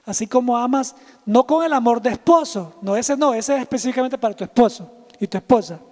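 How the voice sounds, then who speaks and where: A male pastor, preaching a livestreamed sermon in a lively, teasing way and calling out to chat viewers. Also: very high-pitched, brisk, long reverb tail.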